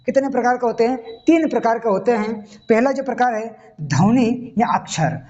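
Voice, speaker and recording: In a dull lo-fi recording, a Hindi grammar teacher walks through a classroom-style video lesson one step at a time, often checking whether the listener is keeping up. He has a very high, animated voice at normal speed, slightly mellow in tone.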